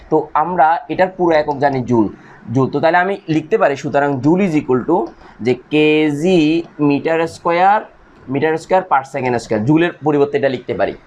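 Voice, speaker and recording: Man lecturing fast and repetitively. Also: a little high. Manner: repetitive, coaxing, asks students questions. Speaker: chemistry teacher. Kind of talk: lecture explaining units at a board.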